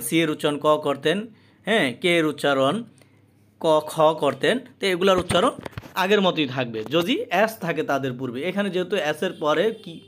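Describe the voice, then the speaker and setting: A man teaching English pronunciation, repeating each word and its meaning twice in a slow, patient explanation. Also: on the high side, a bit bright. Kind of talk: spoken language lesson.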